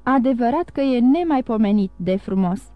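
A woman's voice: fairly high pitch, lively intonation, no room sound, muffled recording, natural voice. A woman reading the part of a young man, a cunning, boastful schemer, in an audiobook.

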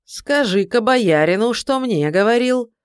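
A reader voicing an old tyrant tsar, with a dry, harsh, croaking voice and a mocking, commanding way of speaking. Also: mid-range voice, lively intonation, measured pace, dry recording, voice pushed up, lightly acted. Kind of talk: audiobook character voice.

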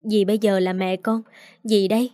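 A woman voicing a caring, protective young aunt who speaks gently but firmly. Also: mid-range voice, flat delivery, normal speed, no room sound, clean studio sound, natural voice. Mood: tender.

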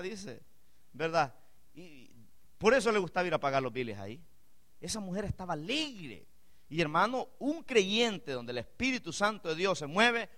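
A male pastor with a high voice preaches a sermon, shifting from chatty asides with the congregation to loud, impassioned exclamations.

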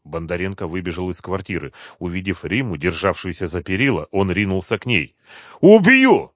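A man narrating a crime audiobook in an even, measured manner. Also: sits low, no room sound, clean studio sound.

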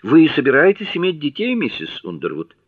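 A man voicing a naive, earnest young gentleman asking curious questions. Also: on the high side, huge pitch swings, fairly quick, phone-quality sound, voice pushed up.

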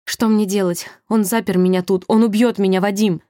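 A woman voicing a terrified young woman trapped in a locked room, shouting frantic pleas. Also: medium pitch, fairly even intonation, brisk, no room sound, studio quality, close to an everyday voice.

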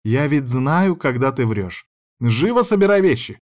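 A man voicing a calm, dry, teasing woman who is the narrator's boss on the phone. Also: mid-range voice, unhurried, voice pushed up.

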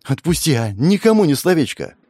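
A man's voice: big pitch swings, a little fast, a little mellow, no echo. A man voicing a frightened young male street lookout who pleads in a raised, strained voice. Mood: frightened pleading. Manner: frightened, pleading, high-pitched.

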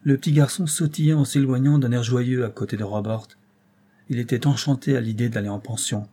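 Guy reading an old novel aloud, husky, low-key and mellow. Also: steady tone, a little fast. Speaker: audiobook narrator. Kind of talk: scripted narration.

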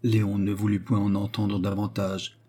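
Male audiobook narrator, measured, low, mellow, husky. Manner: measured, storytelling. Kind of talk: scripted narration of a novel.

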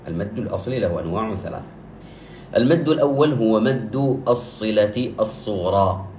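Low-voiced man teaching recitation, echoey room. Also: a little mellow. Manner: methodical, repeats key terms, corrects errors firmly; chants sung examples with long drawn-out vowels. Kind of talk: explaining recitation rules. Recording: echoey room with faint background noise.

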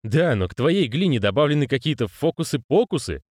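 A man's voice: mid-range voice, sing-song, brisk, darkish tone, dry recording, clean studio sound, voice pushed up. A male reader voicing a jittery young conman who talks in a raised, flustered, protesting way. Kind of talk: audiobook character reading.

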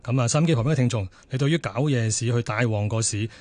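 Man hosting a call-in show, quick delivery, mid pitch. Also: a little mellow, no echo. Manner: brisk, repeats the call-in number. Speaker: radio host. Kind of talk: talk radio hosting.

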